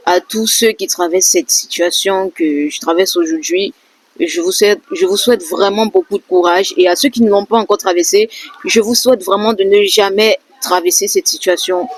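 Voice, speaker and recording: A young woman halting and hesitant as she tells her story in an interview. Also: medium pitch. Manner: hesitant, halting with many fillers. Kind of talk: emotional testimony.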